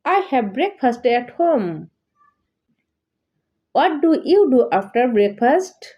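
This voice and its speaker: A woman teaching English, saying each practice line twice in a slow, deliberate way for beginners. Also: a little high, sing-song, highs cut off. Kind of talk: slow repeated dialogue drills for learners.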